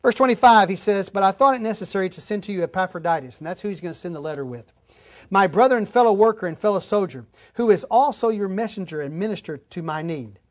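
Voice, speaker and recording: A man's voice: high-pitched, lively intonation, fast. A man preaching an expository sermon, reading scripture aloud and then explaining it plainly to his listeners, whom he calls folks.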